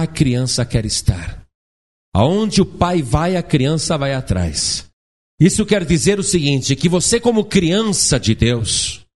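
A man's voice: mid-range voice, darkish tone. A middle-aged man preaching a sermon, asking the congregation questions and acting out the voices of children and parents. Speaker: pastor.

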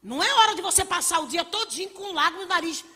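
A woman preaching a sermon with passion, swinging between shouts and hushed asides, in a church hall. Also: very high-pitched, animated, fast. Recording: long reverb of a large hall.

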